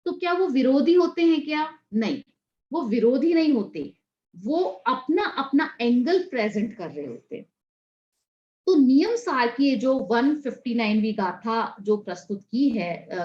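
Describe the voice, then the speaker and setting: A woman's voice: high-pitched, a little mellow. Female teacher, scripture class, explanatory and questioning, roomy lo-fi sound. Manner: explanatory, asks and answers her own questions.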